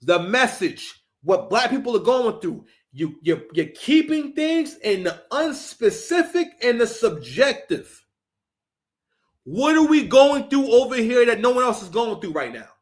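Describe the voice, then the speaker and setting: A man's voice: very high-pitched, big pitch swings, unhurried. A man, a former battle rapper, hosting a livestream and giving heated, profane commentary, often repeating words as he restarts.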